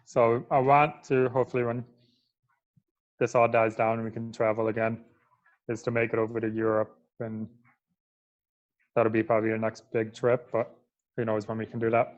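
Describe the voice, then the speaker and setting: Male guest from Michigan, mid-pitched, laid-back and filler-heavy, slightly dull audio. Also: normal speed, long pauses. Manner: relaxed, filler-heavy, lots of "like". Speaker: podcast guest. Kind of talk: casual interview chat.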